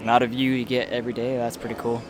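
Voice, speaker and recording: A man's voice: medium pitch, flat delivery, fast. A man hosting a vlog, explaining things casually like a tour guide as he walks through a busy theme park outdoors. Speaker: vlog host. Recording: loud crowd noise outdoors.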